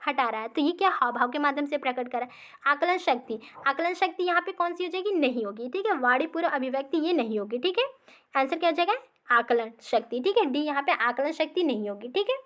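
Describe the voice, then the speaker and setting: Her voice is high, light and a bit bright as she leads exam practice, explaining slowly. Each point gets repeated, and she checks in with her listeners after almost every line.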